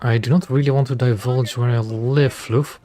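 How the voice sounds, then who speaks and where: Streaming a game with slight background noise, this West Flemish man from Belgium speaks English with a Flemish lilt; Dutch is his language. His middle-pitched voice moves at a moderate pace, and his loose, relaxed commentary is full of restarts as he juggles gameplay calls and viewer questions.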